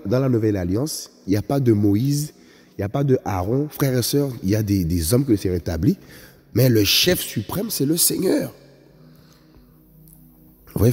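This sermon comes from a man whose husky, mid-range voice carries a warm tone. He preaches emphatically, frequently calling out "vous voyez, frères et sœurs," and the recording has long reverb and faint music.

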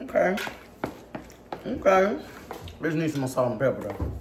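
A young woman with a deep, sing-song voice talks to her viewers at a moderate pace, chatting and teasing on her casual home cooking vlog. Mixing has tired her arm. The home kitchen recording is echoey, with noise in the background.

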